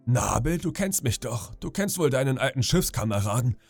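A man's voice: medium pitch, lively intonation, moderate pace, no echo, soft background music, close to an everyday voice. A man voicing a sly old pirate who speaks in a falsely friendly, ingratiating way. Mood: wheedling. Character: sly old one-eyed male pirate, wheedling.

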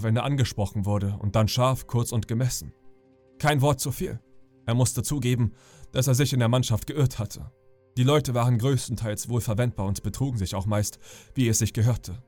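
A man calmly narrating an audiobook meant for falling asleep. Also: mid-range voice. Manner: calm, even storytelling. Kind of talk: calm audiobook reading for sleep.

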